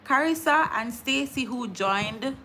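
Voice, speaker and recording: Woman, thirties, bright voice, chatty live-stream host, laughs a lot. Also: high voice, animated, slow, slight background noise. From Jamaica. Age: 30s. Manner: chatty, laughs often, repeats words. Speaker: livestream host. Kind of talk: casual live-stream chat.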